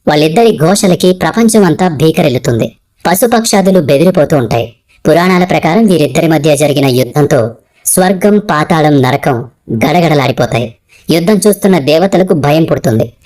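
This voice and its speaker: A woman with a notably low, deep voice reads out an old legend as scripted narration. Her delivery is dramatic yet steady, keeping an even storytelling pull from line to line. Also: a little fast.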